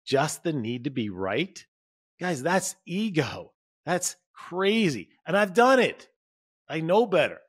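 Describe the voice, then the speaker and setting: His voice runs on the high side, husky and sing-song, and he takes things slowly. He's a relationship coach hosting a podcast, delivering a motivational solo talk that speaks straight to listeners as "you" and "guys" and acts out brief quoted moments.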